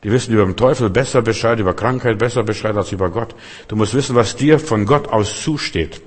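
A man's voice: fairly low pitch, fairly quick, husky. A man preaching a sermon, emphatic and direct, who keeps turning to his listeners with repeated questions and short punchy phrases. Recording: long hall reverb.

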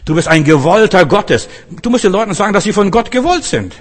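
A male pastor preaching a sermon, repeating key phrases emphatically and swinging between loud calls and quiet asides. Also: sits high, big pitch swings, fairly quick.

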